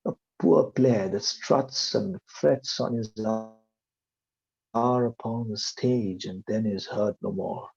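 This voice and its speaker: A man reciting as a grave, slow tragic king. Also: mid-range voice, creaky, darkish tone, slightly rough, highs cut off, voice pushed down, heavily acted. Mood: somber. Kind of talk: dramatic verse recitation.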